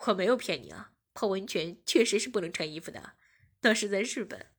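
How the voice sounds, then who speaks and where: Woman voicing a young man, lower and husky, calm, coaxing, teasing. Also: a little fast.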